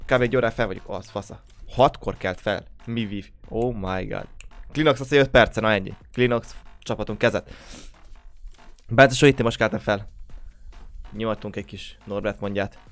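A man's voice: on the low side, soft background music. A young man hosting a game livestream, just woken up, greeting viewers one by one in casual chat. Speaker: livestream host.

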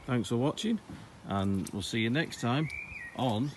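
A man hosting a club channel, chatting casually inside a campervan and asking quick follow-up questions. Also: mid-range voice, expressive, a little hiss or hum, rough recording. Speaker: host of a club video channel. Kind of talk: casual walkthrough chat. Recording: loud background music.

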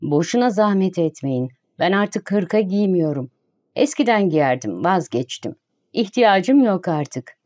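An idle, gentle young gentleman speaks softly and plaintively, as a woman narrator reads him. The voice sits low and mellow. It is an audiobook figure with little change from the reader's own voice. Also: animated, unhurried. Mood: polite, shy.

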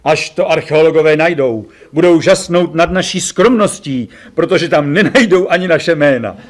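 A man voicing a boisterous, theatrical male mountaineering companion who declaims grand jokes in high, loud outbursts. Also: sing-song. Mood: jubilant.

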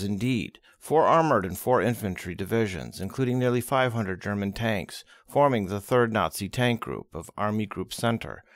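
Expressive male audiobook reader. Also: lowish voice, no echo. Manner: expressive, dramatic reading of quotes. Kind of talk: audiobook narration of history.

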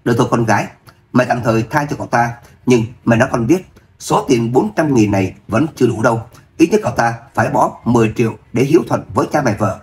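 A man's voice: expressive, fast, natural voice. Guy reading a greedy mother-in-law, nagging and whiny, audio novel. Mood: scolding. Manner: shrill scolding, self-pitying wails. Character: scheming greedy middle-aged mother-in-law.

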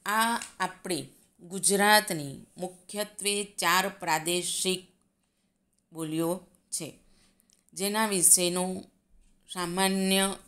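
A woman teacher giving a grammar lesson, reading out word lists slowly and deliberately. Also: on the low side, pushed and bright. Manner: slow, reads word lists aloud deliberately.

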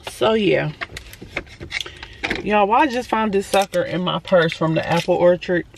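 A woman's voice: on the low side, a little slow, creaky. A woman vlogging into a handheld camera in easy everyday chat. She keeps calling her viewers y'all, talks bluntly and swears a lot. A faint hiss sits under her voice. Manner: blunt, swears freely when venting. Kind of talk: casual vlog chat to camera.

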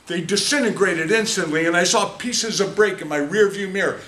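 An American man in his sixties competes in a speech contest, delivering a theatrical tall tale to a live audience in a small indoor meeting room. His high-pitched, somewhat bright voice is dramatic and emphatic, with deliberate pauses. A camera a few meters away captures it, so the sound is echoey with faint noise.

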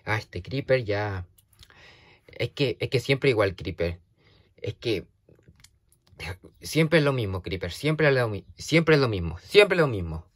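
A man chatting to a silent companion in a halting, nervous way, stammering and restarting often, with sudden yelps. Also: lowish voice, very animated, no echo, clean studio sound. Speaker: video creator talking to a toy character. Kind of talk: casual one-sided chat to a silent companion.

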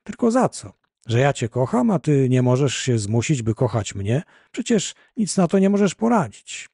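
A man's voice: medium pitch, very animated, normal speed, mellow, breathy edge, no room sound, studio quality. A man reading an audiobook, voicing an unhappy, self-reproaching woman who is ending her marriage. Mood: pleading.

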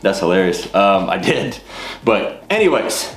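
A young fitness vlogger's low voice swings widely in pitch as he talks unhurriedly to camera, showing off groceries in his home kitchen and rambling with plenty of "uh" and "like." Faint music plays behind him, and the roomy kitchen adds clear background noise.

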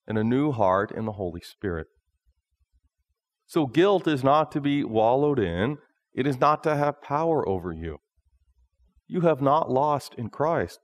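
A man in his thirties, a pastor preaching a sermon from a lectern in a small church, in a slow, measured delivery. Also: medium pitch, no room sound, studio quality. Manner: slow, measured preaching, often reading from notes.

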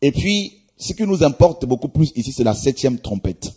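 A man preaching a sermon, reading scripture aloud and exhorting his listeners, often repeating "my friends" and pausing with hesitations. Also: mid-range voice, very animated, warm tone, slightly rough. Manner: exhorting, repeats "mes amis", many hesitations.

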